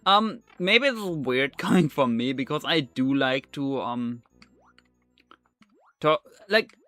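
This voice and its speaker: A young German man speaks English with a German accent while livestreaming a game, chatting casually and rambling with lots of fillers and restarts. His medium-pitched voice is animated, slow, and fairly bright, with no room sound and soft background music.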